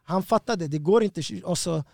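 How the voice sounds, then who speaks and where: Brief: high-voiced man, animated and slangy, dry close sound. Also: gravelly, no room sound. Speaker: guest fighter. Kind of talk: casual storytelling.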